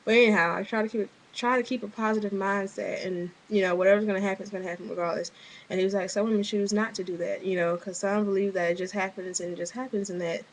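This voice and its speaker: Young woman rambling thru a vlog update, lots of um and like, kinda fed up, medium pitch. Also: fairly even intonation, quick pace, low-quality recording. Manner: rambling, frequent fillers and restarts; frustrated, offhand. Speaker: vlogger. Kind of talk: casual video diary update.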